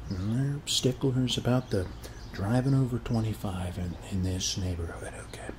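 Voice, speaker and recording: With background noise present, an American man at a normal pace and a lowish pitch roleplays for ASMR as a talkative, show-off suburban neighbor. He rambles in a folksy manner, frequently checking in with whoever's listening.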